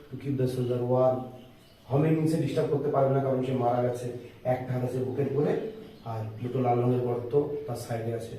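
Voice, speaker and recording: A man teaching an exam-prep lesson on a poem, speaking slowly and dictating, mixing English and Bengali. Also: mid-range voice, warm tone. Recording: very echoey room, voice from far off.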